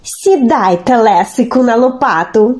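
A woman's voice: fairly high pitch, lively intonation, measured pace, a little mellow. Sly bossy serpent girl, voiced by a woman. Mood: insistent. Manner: impatient, insistent.

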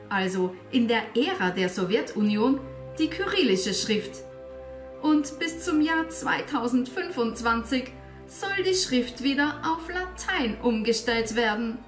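High, animated woman teaching a language. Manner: playful and expressive, with rhetorical questions to viewers. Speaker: language teacher and video host. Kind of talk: lively educational explainer. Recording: echoey room, faint music behind.

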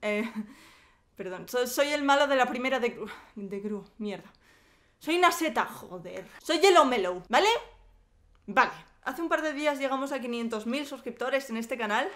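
A woman's voice: on the high side, lively intonation, moderate pace, fairly bright tone. A young woman from Spain with a Spanish accent, joking and swearing casually as she answers viewer questions in a vlog. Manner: joking, swears often, jumps between silly voices. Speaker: YouTuber.

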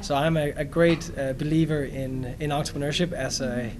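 A man's voice: fairly high pitch, fairly even intonation. Man from Denmark in a noisy hall. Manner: earnest, with frequent filler pauses. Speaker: startup trainer. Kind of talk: on-location interview. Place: large conference hall. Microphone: handheld microphone.

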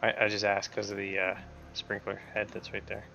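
Gravelly, fast-talking male gamer, lively and excitable; dull lo-fi mic. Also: fairly low pitch. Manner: excitable, yelps and laughs at in-game threats. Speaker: gamer playing with friends. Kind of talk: casual co-op gaming chat. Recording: muffled lo-fi mic with faint noise.

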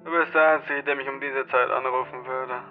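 A man's voice: mid-range voice, steady tone, a little fast, soft background music. A man playing a grumpy deputy woken by a late-night call, curt and irritated, heard over a phone line.

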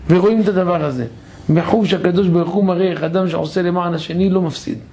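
Rabbi guy preaching in a synagogue, gravelly, kinda high voice. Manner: animated storyteller, gravelly. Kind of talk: sermon with storytelling.

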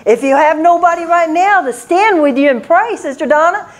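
A woman's voice: very high voice, moderate pace. An older woman giving a folksy sermon, telling family stories and laughing often. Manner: folksy storytelling with frequent laughs. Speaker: church speaker.

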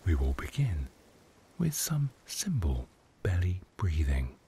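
Male meditation guide, deep-ish voice, very unhurried, gentle hushed and whispery narration. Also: wildly swooping pitch, a little hiss or hum. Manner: soft, hushed delivery, often slipping into a whisper.

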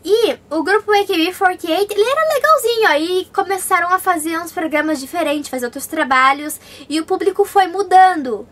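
A woman's voice: very high-pitched, animated, fairly quick, hardly any pauses, a bit bright. A young woman from Brazil, living abroad, answering viewer questions in a casual, chatty vlog and reading their comments aloud.

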